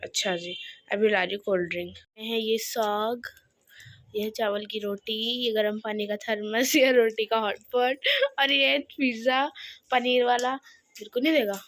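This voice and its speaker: Giggly high-voiced young woman vlogger. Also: fairly even intonation, measured pace, fairly bright tone. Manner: playful, giggly, addresses viewers as guys. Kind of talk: casual home vlog. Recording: echoey room with noise.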